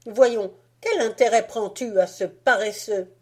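A woman voicing a bossy, boastful young boy in a storybook, loud and swaggering. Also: on the high side, measured pace, slightly rough.

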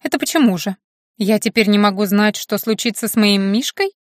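A woman reading the lines of a proud, sharp-tongued witch in an audiobook, sarcastic and scornful. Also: mid-range voice, brisk, dry recording, studio quality, close to an everyday voice.

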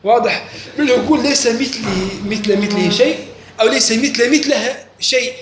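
A man with a very high voice speaks fairly quickly while teaching religion to a class. He frequently asks if the students understand, and the room echoes with a little faint noise.

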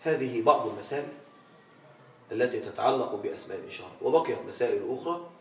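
A man teaching an Arabic grammar lesson in a classroom, quizzing his students with questions and stretching out words slowly for emphasis. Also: medium pitch, expressive, fairly bright tone, slight background noise. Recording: echoey room, from far off.

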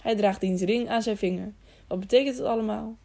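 A woman's voice: medium pitch, brisk, vocal fry, warm tone. A woman reading an audiobook, voicing a bewildered male innkeeper full of questions. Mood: puzzled. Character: puzzled middle-aged male innkeeper.

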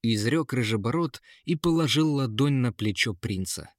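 A man narrating a fairy tale in a measured, expressive way. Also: medium pitch, no room sound, studio quality.

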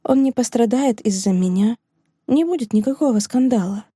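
A woman reading an audiobook, voicing a heartbroken woman teacher who speaks in a hushed, trembling but firm manner. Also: a little high, moderate pace, husky, dry recording, clean studio sound. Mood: sorrowful, resolute.

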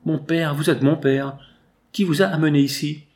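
A man's voice: fairly high pitch, fairly even intonation, moderate pace, darkish tone, pitched above the performer's own voice, natural voice. A man reading the part of a frightened young princess in an audiobook, exclaiming in anguish.

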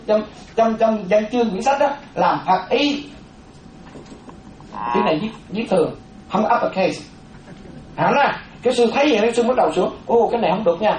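A Buddhist monastic woman, giving a lively dharma talk and often asking the audience questions. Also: medium pitch, a little hiss or hum. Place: hall with a seated audience. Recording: roomy, dull sound with faint audience.

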